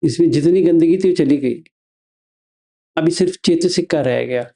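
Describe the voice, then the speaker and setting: A man teaching meditation, explaining the practice slowly, step by step. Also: fairly high pitch, dark tone. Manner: slow, step-by-step instruction.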